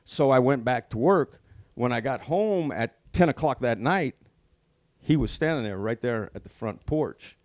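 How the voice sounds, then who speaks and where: A middle-aged podcast co-host chats casually, earnestly sharing stories about his faith. His mid-range voice has lively intonation, a slightly slow pace and a darkish tone, captured as a dry, clean studio recording.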